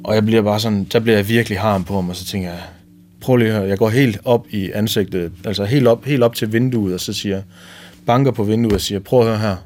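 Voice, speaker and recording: A Danish man giving documentary testimony, retelling events vividly in a halting way with repeated words. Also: on the low side, steady tone, darkish tone. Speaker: interviewee recounting family events.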